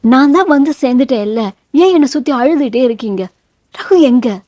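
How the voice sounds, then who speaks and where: A woman's voice: sits high, expressive, fairly quick, mellow, dry recording. A woman reading the lines of a weak, worn-out young woman demanding answers in a novel. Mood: weak insistent. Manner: faint, strained voice. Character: weak, exhausted young woman just freed.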